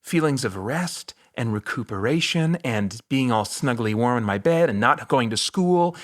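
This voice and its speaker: A man's voice: mid-range voice, lively intonation, moderate pace. An American man around forty hosting a casual podcast, chatting and interviewing in a rambling, self-deprecating, jokey way. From United States. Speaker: podcast host.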